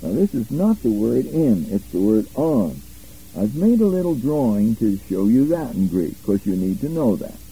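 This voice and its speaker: An older man teaching a Bible study, walking his listeners through Greek words slowly and methodically. His pitch rises and falls a lot as he stresses each point. The voice is dark and very husky. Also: big pitch swings, rough recording. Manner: methodical, explains Greek words step by step, repeats key phrases. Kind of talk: classroom Bible study lecture.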